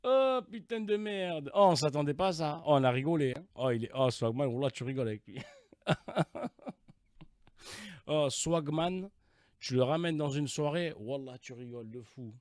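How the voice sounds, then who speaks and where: A man's voice: mid-range voice, moderate pace, long pauses, a little mellow, no room sound, studio quality. A man hosting a casual livestream, teasing and crude, laughing often as he talks. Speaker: livestream host.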